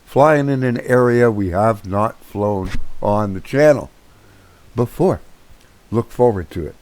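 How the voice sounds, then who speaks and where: This gameplay channel host talks casually in a hoarse voice, saying it's going, and rambles with lots of fillers and false starts. His voice sits on the low side with a darkish tone, he takes his time, and there's no room sound.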